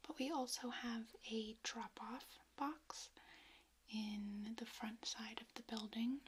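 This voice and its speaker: A woman speaking in a hushed library whisper, doing a whispered role-play as a friendly, chatty librarian. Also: a little high, steady tone, slow. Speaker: ASMR performer playing a librarian. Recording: clear background noise, handling clicks.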